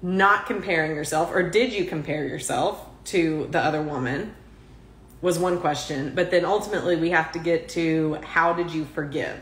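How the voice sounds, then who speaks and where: A woman hosting an interview who gently puts viewer questions to her guest. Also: low voice, normal speed. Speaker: interview host. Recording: roomy echo.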